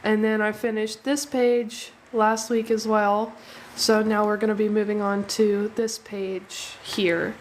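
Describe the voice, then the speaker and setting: Taking it slowly, a young woman with a medium-pitched voice and little pitch movement chats casually on her live art stream, with slight background noise behind her. She thanks viewers, laughs easily, and sounds a bit sniffly from a cold.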